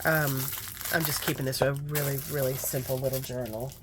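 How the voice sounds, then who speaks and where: A craft vlogger chats casually while working on a craft journal, telling stories and muttering to herself over her work. Her voice is extremely low and steady, at a moderate pace, with a noisy background.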